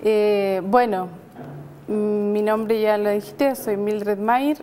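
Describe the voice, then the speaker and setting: A woman's voice: medium pitch, fairly even intonation, takes it slowly, dark tone, long reverb tail, a little hiss or hum. A middle-aged Chilean woman, a nurse, talking on a faith program and leading a prayer, hesitant and full of filler sounds and tag questions. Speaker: nurse and guest.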